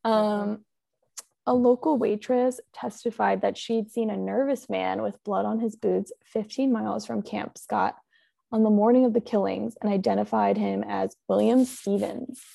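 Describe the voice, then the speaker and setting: Gravelly-voiced woman telling a crime story. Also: mid-range voice, fairly even intonation, unhurried, warm tone. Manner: chatty, full of "like" and "um", laughs often. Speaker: podcast co-host telling a true-crime case. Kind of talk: casual true-crime podcast chat.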